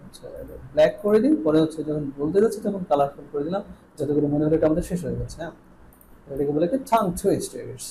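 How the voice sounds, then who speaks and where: A man with a Bangladeshi accent teaching English pronunciation in an online lesson, drilling sounds slowly and switching between Bengali and English. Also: on the high side, expressive, background noise.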